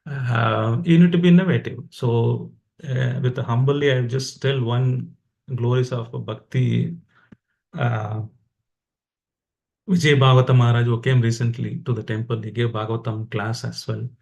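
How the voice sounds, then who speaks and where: A man's voice: mid-range voice, fairly even intonation, moderate pace, creaky, darkish tone, lo-fi sound. A man with an Indian accent giving an informal, exhortative religious talk to motivate fellow devotees.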